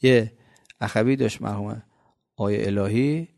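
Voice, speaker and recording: Male preacher from Iran, gravelly, conversational sermon with emphatic swells and rhetorical questions. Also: on the low side, dry recording, studio quality. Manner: emphatic, rhetorical questions, sudden loud rises then soft asides. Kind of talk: colloquial religious sermon.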